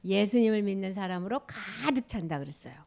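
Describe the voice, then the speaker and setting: A woman pastor telling a children's sermon story in a playful, animated way with sound effects. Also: medium pitch, a little fast.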